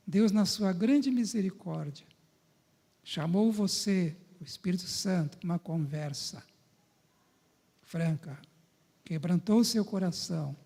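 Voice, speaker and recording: A man's voice: high voice, gravelly, dark tone, breathy edge. A man from Brazil, a pastor, preaching a conversational sermon in a church and often checking in with his listeners through short tag questions. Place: church sanctuary. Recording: long church reverb.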